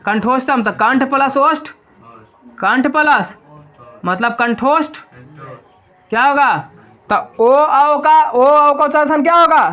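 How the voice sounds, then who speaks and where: A man's voice: extremely high pitch, sharp tone. A young man teaches grammar in a classroom. He drills his students, firing questions and repeating their answers back to them.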